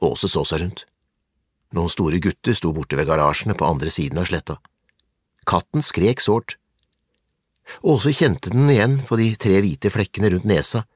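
A man reading a children's storybook aloud in a calm, measured way. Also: sits low, slightly rough, dry recording, clean studio sound. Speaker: narrator.

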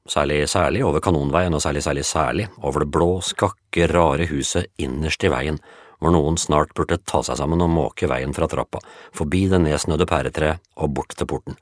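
A man's voice: extremely low pitch, no room sound, clean studio sound. A man narrating a children's story in a playful storytelling cadence. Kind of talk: scripted audiobook narration.

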